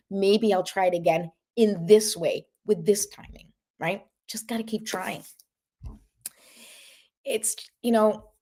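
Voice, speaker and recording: A woman's voice: mid-range voice, darkish tone. A woman hosting a casual motivational talk, encouraging listeners and often asking "right?" to check in with them. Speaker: motivational host.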